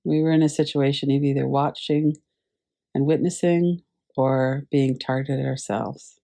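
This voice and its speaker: Gravelly-voiced woman guiding a visualization. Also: very deep voice, fairly even intonation. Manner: gentle, unhurried guidance with pauses. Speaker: meditation teacher. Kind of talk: guided visualization class. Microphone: video call.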